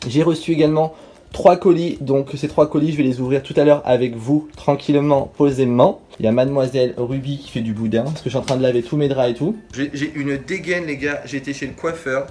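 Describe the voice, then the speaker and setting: Chatty young man, mellow voice. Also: medium pitch, a little fast. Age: 20s. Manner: chatty, enthusiastic, lots of fillers. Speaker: vlogger. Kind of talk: casual vlog chat to camera. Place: small bathroom at home, resonant.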